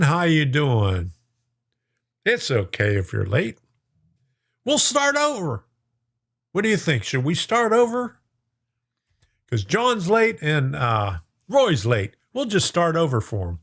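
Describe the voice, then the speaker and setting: A middle-aged man who lives in Florida hosts a model-train live stream, chatting casually, reading viewer comments, greeting people by name and chuckling often. His slightly high voice is sing-song, slow, creaky and a bit bright, with frequent pauses, and it's getting worn out.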